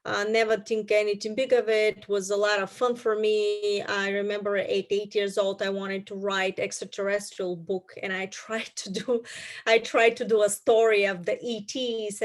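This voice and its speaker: A middle-aged woman with a Bulgarian accent speaks as an interview guest in a flat, level tone that barely rises or falls. She tells her story haltingly, with many fillers and restarts. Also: medium pitch.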